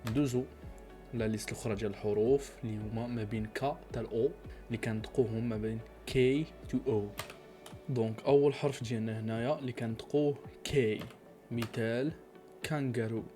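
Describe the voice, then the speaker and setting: A man's voice: mid-range voice, fairly even intonation, quick pace, dark tone, soft background music. A man with a Moroccan accent giving a patient language lesson, repeating each letter and example for learners. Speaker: language teacher. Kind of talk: instructional lesson.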